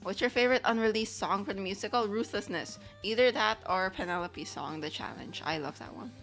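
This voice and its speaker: A woman livestreams while drawing, speaking in a medium-pitched, brisk, fairly bright voice with faint music behind her. She chats casually and ramblingly, reading viewers' questions aloud.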